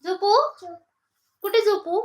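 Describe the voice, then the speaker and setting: A woman's voice: extremely high pitch, steady tone, slow pace, darkish tone. A young woman chatting on a phone live stream, coaxing her toddler in sing-song baby talk and greeting viewers. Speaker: mother hosting a live stream.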